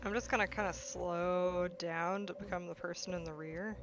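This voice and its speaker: A woman at a tabletop game describing what her character does in a relaxed, casual way. There is faint noise behind her. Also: lowish voice, moderate pace. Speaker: player.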